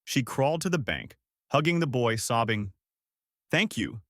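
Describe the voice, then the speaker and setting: A man's voice: mid-range voice, expressive, normal speed, fairly bright tone, no echo. A man narrating a scripted story with a dramatic, sweeping delivery.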